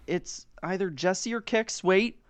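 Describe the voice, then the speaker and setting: A man answering trivia questions in casual quiz banter, eager, with quick answers and some stumbles. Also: high-pitched, clean tone. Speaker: trivia contestant.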